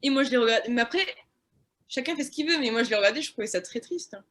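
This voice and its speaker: A woman's voice: on the high side, fast. A young woman with a southwestern French accent, a student guest talking frankly in a casual conversation, laughing often and acting out what others said. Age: young adult. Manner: lively, frank, laughs often, acts out quotes.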